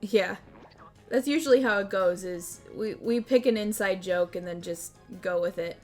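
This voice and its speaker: A woman streamer chatting casually and easily while hosting party games on a livestream, often quick to laugh. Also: medium pitch. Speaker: streamer and host. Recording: music playing behind the voice.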